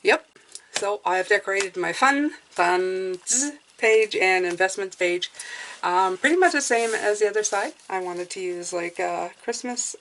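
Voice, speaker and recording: Female budgeting vlogger, casual walk-through delivery, whistly s sounds, noticeable vocal fry, slight noise behind. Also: medium pitch, lively intonation, unhurried, a bit bright, rough recording. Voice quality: whistling s from clear aligners.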